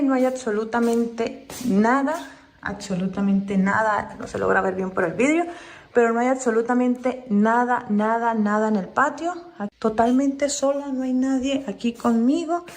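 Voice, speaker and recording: A woman's voice: on the high side, a little mellow. A woman recording herself on her phone at home at night, nervously talking to viewers and calling out into the house. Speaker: person filming at home. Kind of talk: casual self-recorded phone video. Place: dark bedroom at home, indoors. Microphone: phone held in hand. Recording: echoey room with faint hiss.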